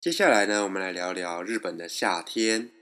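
Male teacher with a lower voice, slow and methodical, talks learners through each sound. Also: a bit bright, faint music behind. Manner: explains step by step, switching between two languages. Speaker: language teacher. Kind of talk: slow, patient pronunciation lesson.

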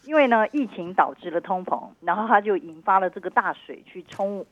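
A woman's voice: mid-range voice, animated, brisk. Over a narrow, tinny phone line, a middle-aged woman with a Taiwanese Mandarin accent speaks as an investment analyst. She is emphatic and cautioning, with a dry sound and no room echo. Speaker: investment analyst, radio guest. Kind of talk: live market commentary interview.

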